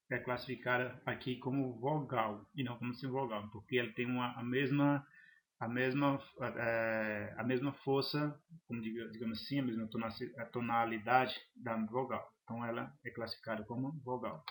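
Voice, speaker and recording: A man teaching a grammar lesson, halting and restarting phrases as he explains examples. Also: mid-range voice, fairly bright tone. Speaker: Portuguese teacher.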